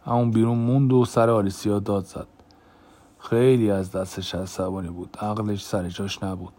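A man voicing a brooding adult man who bluntly reveals a dark family secret, in a tense, raised voice, in an audiobook. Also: on the low side, level tone, lightly acted.

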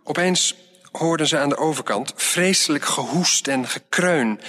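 A man reading a children's story aloud in a lively, plainspoken way. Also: mid-range voice.

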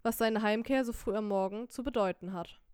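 A woman voicing a young, poor, quick-witted wife in an audiobook, scolding loudly and lamenting theatrically. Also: on the high side, clean tone, no room sound, clean studio sound, natural voice. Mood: alarmed. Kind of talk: audiobook character voice.

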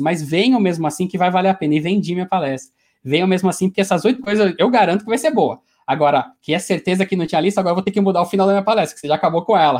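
A man with a Brazilian accent, a motivational speaker telling a story in an animated, conversational way during an interview. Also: high voice. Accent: Brazilian Portuguese.

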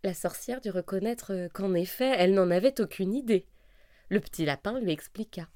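A woman narrating a children's story, expressive and lively. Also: medium pitch, normal speed, no room sound, studio quality. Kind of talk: storybook reading.

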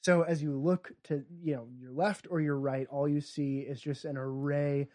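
A man's voice: on the high side, fairly even intonation, normal speed, warm tone. A man co-hosting a podcast, chatting casually and joking wryly while he works through comedy bits. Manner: wry, joking, acts out bits. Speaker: podcast co-host.

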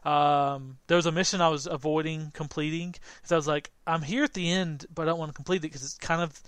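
Smooth-voiced man hosting a podcast. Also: fairly high pitch, fairly even intonation, a little fast, a bit bright, no echo. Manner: rambling, self-interrupting, jokey. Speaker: podcast host. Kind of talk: casual chat.

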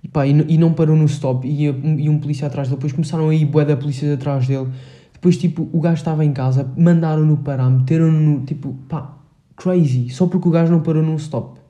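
A teenage boy with a Portugal Portuguese accent hosts a casual solo podcast, rambling and hesitant, packed with filler words and slang. His male voice is a little high and warm, with fairly even intonation and a fast pace. The audio sounds dull.

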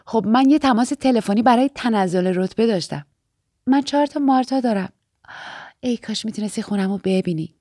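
A woman's voice: fairly high pitch, dark tone, no echo, clean studio sound, lightly acted. A woman reading aloud and voicing a chatty, needy young married woman in a girlish, pleading tone.

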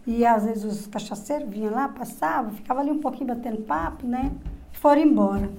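A woman's voice: fairly high pitch, a little fast, creaky. A middle-aged woman telling a personal story in casual talk, acting out voices and dropping to whispers. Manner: animated, acts out quoted voices, drops to whispers. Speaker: guest telling her story.

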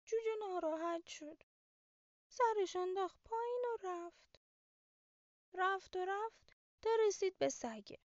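A woman narrating a children's story in a gentle, sing-song, motherly way. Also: very high-pitched, lively intonation, long pauses, dry recording. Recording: slightly dull lo-fi recording.

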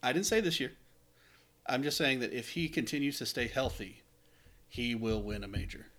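A man's voice: medium pitch, lively intonation, moderate pace, a bit bright. Man, mid-range voice, podcast co-host, teasing, laughs often, bold predictions, casual golf chat.

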